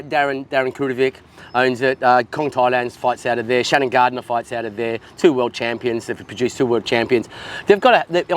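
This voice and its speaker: A man with an Australian accent hosting a casual interview in a matey, sweary, blokey way. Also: medium pitch. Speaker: podcast host interviewing a guest. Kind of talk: casual chat.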